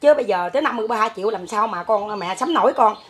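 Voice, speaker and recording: A Southern Vietnamese woman in her fifties, interviewed as a mother, tells her story casually in a fast, animated, medium-pitched voice. She rambles and uses a lot of fillers.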